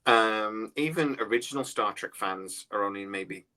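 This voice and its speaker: Speaking at a normal speed, this forties-aged male podcast co-host has a lowish, bright voice with a forceful tone. His casual, opinionated talk comes out blunt and scornful, and he keeps restarting sentences.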